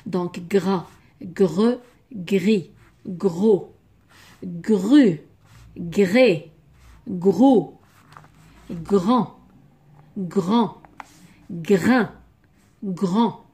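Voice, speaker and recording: A woman teaching French pronunciation, repeating each syllable slowly and clearly in a drilled lesson. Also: mid-range voice, warm tone.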